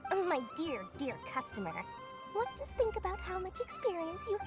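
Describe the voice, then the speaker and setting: A woman's voice: extremely high pitch, sing-song, normal speed. A woman voicing a small, mock-humble merchant creature in a video game, theatrical and wheedling. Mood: smooth-talking, wheedling. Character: small wily merchant creature running a festival ring toss. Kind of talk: video game character acting. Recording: background music under the voice.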